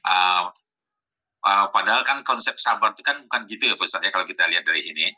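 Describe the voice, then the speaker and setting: A man joins an online study session to ask a question. His voice is somewhat low, and its tone is very bright. He speaks hesitantly, filling his pauses with "eh". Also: rough recording. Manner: hesitant, many "eh" fillers. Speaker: participant asking a question.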